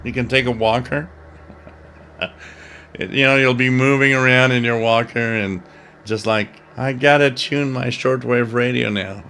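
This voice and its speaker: Unhurried and steady, a man in his fifties reads viewer comments on his shortwave radio livestream, chatting in a loose, joking manner. His mid-range voice is pushed and bright, with slight background noise.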